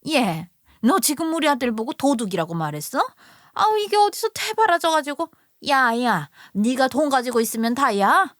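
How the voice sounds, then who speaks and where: A woman voicing a shrill, scolding older mother-in-law in a storybook radio tale. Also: very animated, moderate pace, a bit bright, dry recording, clean studio sound.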